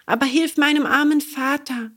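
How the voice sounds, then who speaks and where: A woman voicing a remorseful wooden puppet boy in a storybook reading, with a high, bright childlike voice. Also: fairly even intonation, normal speed. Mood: pleading.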